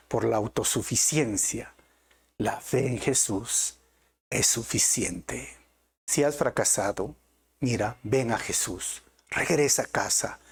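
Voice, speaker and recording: Gravelly-voiced middle-aged man preaching. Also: mid-range voice. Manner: earnest preaching, rising and falling emphasis. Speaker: pastor. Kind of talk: sermon.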